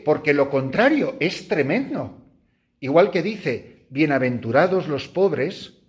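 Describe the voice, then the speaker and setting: A middle-aged priest from Spain, speaking with a Spanish accent, gives a retreat meditation to a group of nuns and tells a story with lively, playful animation. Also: male voice. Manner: animated storyteller, jumps high acting out his own cries and laughs. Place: room with a small group of nuns.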